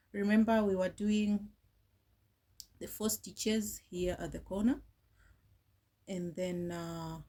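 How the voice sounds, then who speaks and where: A woman giving a relaxed crochet tutorial, talking slowly with frequent hesitations as she counts rows. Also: fairly low pitch, breathy edge. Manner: slow, hesitant, with many fillers, counting rows aloud. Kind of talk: casual tutorial instruction.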